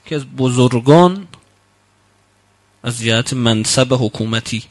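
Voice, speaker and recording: A preacher recites Arabic sayings at a slow pace before unpacking their meaning, and when he rebukes, his voice climbs in both volume and pitch.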